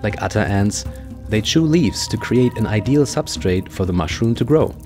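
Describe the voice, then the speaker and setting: A man with a fairly low voice delivers scripted nature documentary narration. His delivery is measured and explanatory, with music playing behind him. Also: animated.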